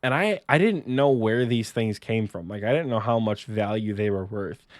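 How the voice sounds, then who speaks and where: A man's voice: on the low side, normal speed, no echo, studio quality. A man co-hosting a podcast, telling a casual story with lots of fillers, restarts and self-mocking asides. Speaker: podcast co-host.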